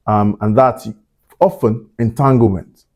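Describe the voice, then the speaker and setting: Mellow-voiced man hosting a chatty interview. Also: mid-range voice, steady tone, a little slow. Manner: chatty, lots of fillers and asides. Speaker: podcast host. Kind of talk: casual interview chat. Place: Glasgow.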